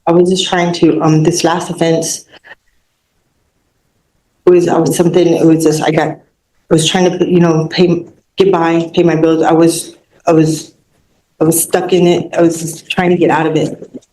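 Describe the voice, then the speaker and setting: A woman defendant speaking haltingly and apologetically in court, with many pauses and fillers. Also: low voice, level tone, dark tone. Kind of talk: courtroom statement. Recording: distant echoey courtroom mic.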